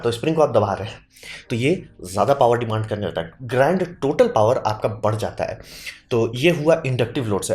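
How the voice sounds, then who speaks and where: A man talks through a science lesson in a casual, chatty way. His voice sits at an ordinary middle pitch, and he keeps it playful with homely comparisons and little acted-out voices. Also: darkish tone. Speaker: science educator.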